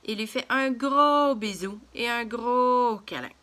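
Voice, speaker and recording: A woman reading a children's story aloud in a gentle, expressive way. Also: fairly high pitch, slow.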